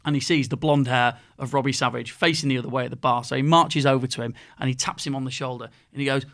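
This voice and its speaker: A man's voice: mid-range voice, fairly even intonation, fast talker, a bit bright. A man hosting a football podcast, telling a long anecdote in a chatty, rambling way. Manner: chatty, rambling storyteller with frequent fillers. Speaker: podcast host. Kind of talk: casual chat and anecdote telling.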